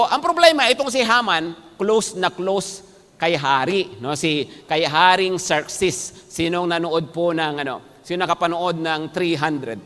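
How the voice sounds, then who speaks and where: A man preaching in a high, sharp voice. He keeps turning to the congregation with quick questions. His words ring out with the long reverb of a large church hall. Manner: addresses the congregation and often checks in with "no?" and "amen po?". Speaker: pastor. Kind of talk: sermon. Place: church sanctuary.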